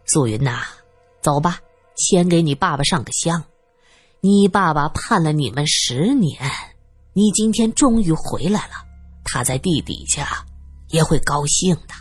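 A woman doing a placating middle-aged gentleman. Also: low-pitched, animated, measured pace, breathy edge, soft background music, exaggerated voice. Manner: placating, fatherly, with hesitant fillers.

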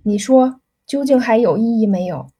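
A woman's voice: on the high side, expressive, moderate pace, warm tone, slightly rough. A woman voicing an insistent young rich man who keeps pressing a girl for an answer, pleading and pushy.

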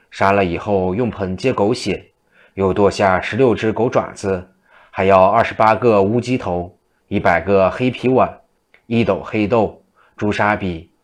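A man tells a classic tale in a steady, vivid way. His voice sits low. He narrates with a practiced storyteller's pacing.

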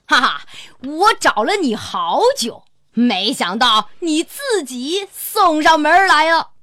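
A triumphant hunter gloats in a high, bright, lively voice, as a woman storyteller acts him out. He sounds gleeful, a simple storybook hunter. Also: takes it slowly, full character voice. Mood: gloating. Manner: triumphant, laughing. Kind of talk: children's storybook narration.

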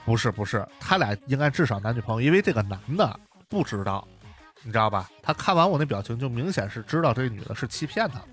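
A man co-hosting a podcast, telling a story in casual chat, animated and chatty with many tag questions. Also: medium pitch, fast talker, faint music behind. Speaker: podcast co-host.

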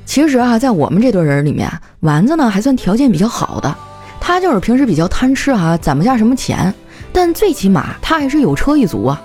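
A woman's voice: a little high, very animated, brisk, darkish tone, faint music behind. A young woman hosting a comedy show, telling funny stories in a chatty way and laughing as she talks. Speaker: comedy podcast host. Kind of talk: comic storytelling monologue.

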